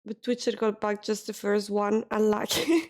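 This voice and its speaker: A woman's voice: mid-range voice, little pitch movement, moderate pace. A woman streaming live, chatting casually and thanking viewers, tired and emotional, close to tears.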